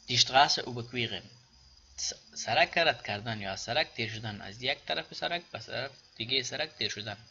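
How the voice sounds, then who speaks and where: A man with an Afghan Dari accent, teaching German pronunciation and repeating example words slowly before explaining them. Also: medium pitch, creaky, bright, forceful tone, breathy edge, lo-fi sound. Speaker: language teacher. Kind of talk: pronunciation lesson.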